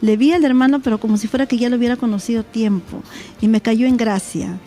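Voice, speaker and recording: Mellow-voiced Peruvian mother telling her story. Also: a little high, quick pace. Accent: Peruvian Spanish. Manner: storytelling, acting out remembered dialogue. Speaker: interviewed mother. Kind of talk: personal testimony on a church talk show.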